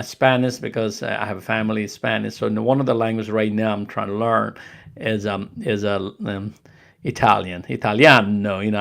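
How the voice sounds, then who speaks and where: Halting, gravelly Nepali-accented older man. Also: on the low side, fairly bright tone. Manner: halting, many restarts and fillers. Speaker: live stream host. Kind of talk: casual live stream talk.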